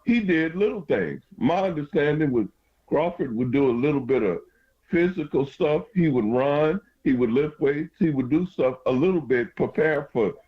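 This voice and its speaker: A man calling a sports radio show, giving opinions casually and haltingly, repeating and restarting his phrases. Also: a little high, expressive. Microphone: phone call to radio show. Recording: band-limited phone line.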